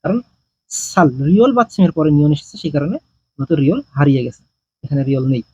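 A man with a high, dark-toned and slightly husky voice teaches a grammar lesson. He explains step by step and answers his own questions. The sound is dry and a little dull. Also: lively intonation, quick pace, no room sound. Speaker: language teacher.

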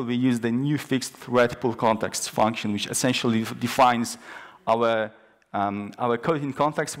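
A young man presenting a technical talk on a large conference stage, explaining step by step with frequent ums and restarts. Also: medium pitch. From Poland. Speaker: conference speaker.

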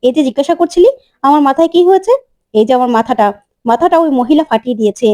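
A woman doing a domineering older matriarch who scolds and rails at her family. The voice sits high but sounds mellow, with a dry, close sound. The character comes through in a serial recap told aloud. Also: expressive, fast talker, no room sound. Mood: angry. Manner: scolding, indignant. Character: angry older mother-in-law, domineering matriarch.

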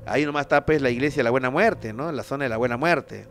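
A man with a Peruvian accent hosting a paranormal show, telling stories in a loose, slangy, animated way with lots of fillers. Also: medium pitch, quick pace, soft background music. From Peru. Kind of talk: casual paranormal storytelling.

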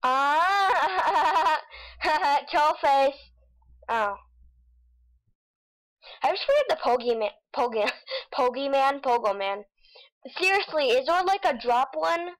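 A woman giving excitable gameplay commentary, with frustrated outbursts and silly nonsense sounds. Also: sits high, slow pace, pauses often, rough recording. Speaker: gamer. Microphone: desk mic with face cam.

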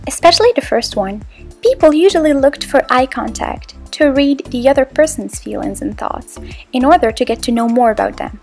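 A young woman from Morocco reads her video narration in a high, light voice. Her delivery is scripted and explanatory. Faint music plays underneath. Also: darkish tone. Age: young adult. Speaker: student presenter.

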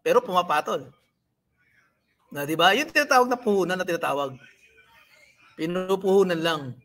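A man's voice: high-pitched, lively intonation, moderate pace, a bit bright. A man hosting a livestream, mocking and scolding the people he talks about in a rant. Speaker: livestream host. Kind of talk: live-stream commentary.

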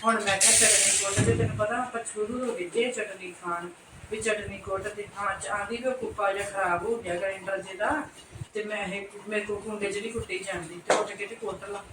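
A woman's voice: mid-range voice, fairly even intonation, close to an everyday voice. Woman acting as a Punjabi mother-in-law, older, complaining, scolding, echoey room, heard from afar. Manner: grumbling, complaining, quick to scold. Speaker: actor in a comic family skit. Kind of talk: comic domestic skit. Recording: roomy, distant, noisy home recording.

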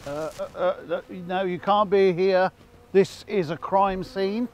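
A man's voice: high voice, fairly even intonation, takes it slowly. A man playing a curt, weary detective. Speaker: police detective. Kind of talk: short film acting.

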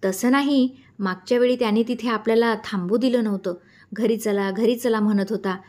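A woman's voice: on the high side, normal speed, darkish tone, close to an everyday voice. A woman voicing a caring older wife who talks in a bashful, fussing way.

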